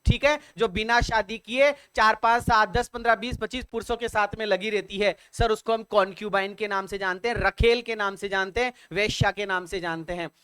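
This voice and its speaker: In Hindi, a man teaches an online English vocabulary lesson for exam prep, calling viewers "sir" and "dear children." He repeats points again and again, spells words letter by letter and reads English prompts slowly and deliberately. His high-sitting voice is pushed, bright, clear and resonant with fairly even intonation, and there's no echo.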